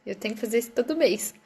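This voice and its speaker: A woman hosts a relaxed live stream, chatting loosely and welcoming each viewer by name. Her voice sits a little high with a gravelly edge. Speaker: live stream host, therapist. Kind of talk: casual live stream chat.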